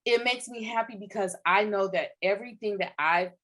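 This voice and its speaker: A middle-aged woman co-hosting a casual podcast, heartfelt and emotional, pausing to search for words. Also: mid-range voice, a bit bright. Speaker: podcast co-host. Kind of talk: casual conversational podcast chat.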